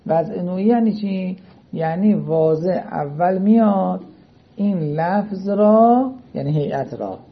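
Captured in a dull lo-fi recording, a man gives a seminary-style lecture and repeatedly asks his students if they follow. His voice sits high and is husky.

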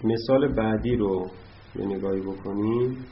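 A man teaching an Arabic grammar lesson, explaining word patterns slowly and patiently as he writes examples on a board. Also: lowish voice. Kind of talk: classroom lesson. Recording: dull lo-fi recording with faint noise.

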